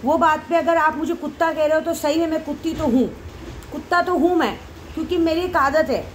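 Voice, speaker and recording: High-voiced woman rambling emotionally. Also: fairly even intonation, a little fast, slight background noise, low-quality recording. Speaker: devotee leading night prayers. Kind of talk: casual monologue to followers.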